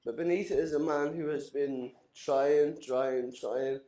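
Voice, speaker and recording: A man's voice: a little high, steady tone, measured pace, warm tone. Man, 30s, best man speech, emotional, rambling, tipsy, echoey room. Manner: rambling, emotional, laughing between lines. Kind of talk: wedding speech. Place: wedding reception hall.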